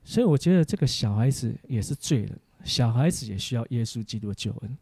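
A man, a preacher giving a teaching sermon for an online course, full of animated stories about his family. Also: mid-range voice, quick pace, gravelly, slightly rough, no echo.

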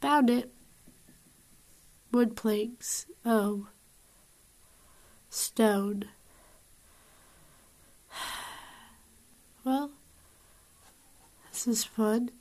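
A woman's voice: on the high side, drawn-out words, long pauses, a little mellow. Puzzled woman grumbling over a game. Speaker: gamer. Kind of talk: gameplay commentary.

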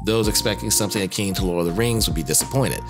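Narrating a scripted video commentary as host, a man speaks quickly in a low-pitched voice. He keeps a wry tone with casual, joking asides, and music plays under his voice.

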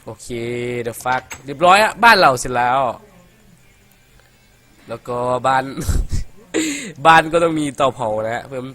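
A man's voice: medium pitch, wildly swooping pitch, slow, fairly bright tone. A young man from Thailand giving casual, profane let's-play commentary, chattering and laughing as he plays. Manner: rowdy and profane, laughs a lot, playful chatter. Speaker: gaming commentator.

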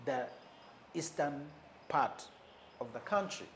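A man giving unscripted commentary on politics, measured and pausing often, leaning hard on key words. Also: fairly high pitch, animated, vocal fry, fairly bright tone, a little hiss or hum. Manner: stresses key words for emphasis.

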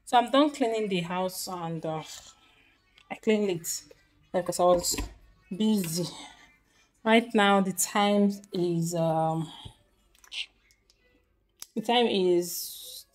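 Speaking slowly and pausing often, a young Nigerian stay-at-home mom vlogs casually to a phone camera held close as she moves through her kitchen and other rooms indoors. She's chatty and sighs a lot, dropping to low, tired murmurs and then bursting out loudly when excited.

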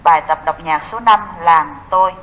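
A woman's voice: on the low side, moderate pace, a bit bright, low-quality recording. A woman teaching a recorded music theory lesson, explaining step by step and answering her own questions to the class.

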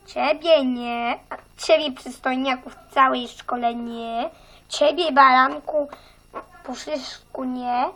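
A woman's voice: high-pitched, steady tone, slow, a bit bright, full character voice, low-quality recording. A woman voicing a bossy female schoolteacher who gives stern orders to the children in a toy role-play. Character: bossy female schoolteacher choosing a class monitor.

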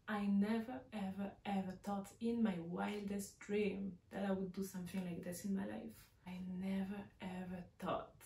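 A woman's voice: medium pitch, gravelly, a little mellow. Earnest woman vlogging in an echoey room. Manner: earnest and heartfelt, repeats words for emphasis. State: tired. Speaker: fashion designer vlogger. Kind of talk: casual vlog to camera.

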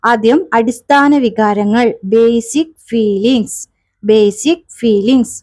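Slow, teacherly woman with a Malayali accent. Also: fairly high pitch, darkish tone, no echo, studio quality. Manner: slow, repeats each phrase twice, cheerful teacherly tone. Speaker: English teacher. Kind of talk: spoken English lesson for beginners.

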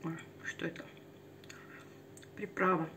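A woman's voice: low voice, level tone, pushed and bright, slight background noise. A woman talking casually with her mouth full while chewing, musing aloud as she eats for a mukbang. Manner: chatty, musing, unhurried. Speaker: mukbang vlogger. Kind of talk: casual chat while eating.

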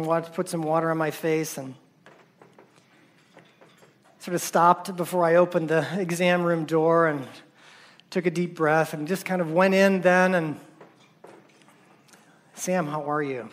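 At a conference, a male surgeon recounts a personal story, halting and repeating words. His high voice shows little pitch movement and drops soft at the painful moments.

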